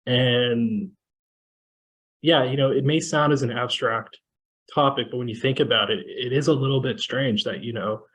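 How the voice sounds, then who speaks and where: A man from Kenya moderating a panel discussion over a video call, talking in a measured way with many fillers. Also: medium pitch, steady tone, fairly bright tone, rough recording. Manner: measured, with frequent fillers and restarts.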